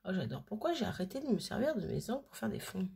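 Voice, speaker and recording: A woman's voice: medium pitch, big pitch swings, fast talker, gravelly, darkish tone, husky. A woman hosting a casual crafting video who chats and thinks aloud with plenty of fillers. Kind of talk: casual crafting tutorial chat.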